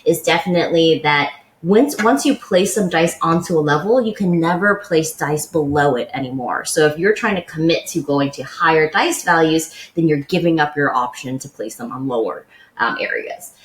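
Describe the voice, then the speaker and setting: Low-voiced woman in a roomy room. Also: lively intonation, normal speed. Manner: explains rules step by step. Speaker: podcast co-host. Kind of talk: casual board game chat.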